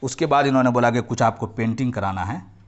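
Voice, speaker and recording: A man's voice: mid-range voice, brisk, lo-fi sound. A man teaching a history lesson to children, explaining each term and repeating key points, often slipping into English phrases. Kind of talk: classroom lecture.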